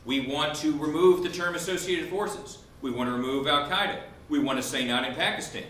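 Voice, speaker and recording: A law professor in debate, this man speaks a little fast in a fairly bright voice that sits on the high side. His argumentative explanation proceeds step by step, with questions he poses and then resolves himself. Recorded indoors at a law school event, the sound has a roomy echo and faint background noise.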